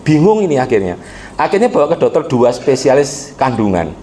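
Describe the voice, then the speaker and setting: A man preaching a sermon, calling out to the congregation and swinging between quiet storytelling and impassioned exhortation. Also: mid-range voice, sing-song, fairly quick, a little hiss or hum. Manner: addresses the congregation directly. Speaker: pastor.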